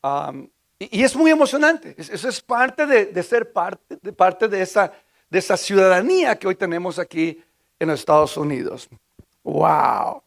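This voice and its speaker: A man's voice: high-pitched, lively intonation, moderate pace. A man from Guatemala, preaching a sermon in a conversational way, asking the congregation questions and often repeating and restarting words. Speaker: pastor.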